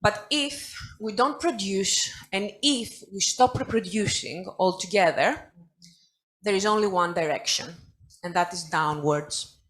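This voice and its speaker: Young woman reading a panel speech over a video call, middle pitch, dry little jokes thrown in. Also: a bit bright, rough recording. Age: young adult. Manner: wry asides, brisk delivery. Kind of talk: prepared conference speech.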